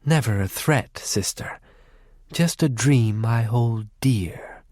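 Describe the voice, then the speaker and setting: A man voicing a cruel, war-loving female faery who taunts her sister in a low, menacing voice that drifts into whispers. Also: slow, dry recording, clean studio sound.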